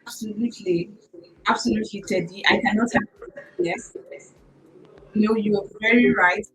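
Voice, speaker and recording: A woman's voice: medium pitch, normal speed, fairly bright tone, low-quality recording. A woman hosting an interview over a video call, affirming her guest and talking in a chatty way with many fillers. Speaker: interview host.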